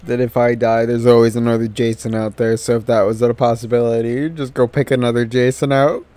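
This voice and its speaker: A man's voice: mid-range voice, level tone, fairly quick, dark tone, clear, resonant tone, no room sound. A man casually chatting and joking while playing a game on stream. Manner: laid-back, joking. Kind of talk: casual gameplay chat.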